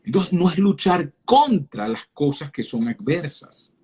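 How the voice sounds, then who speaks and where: A man's voice: fairly high pitch, very animated, measured pace, dark tone, breathy edge. A man giving a fervent sermon-style talk as a guest speaker on a live stream, speaking directly to his listeners and often repeating words as he starts a phrase.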